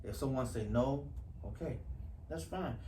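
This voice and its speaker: Unhurried and warm, this mid-range male voice belongs to a Houston-born actor being interviewed. He comes across as casual and earnest and repeats phrases for emphasis. Faint background noise and echo are audible.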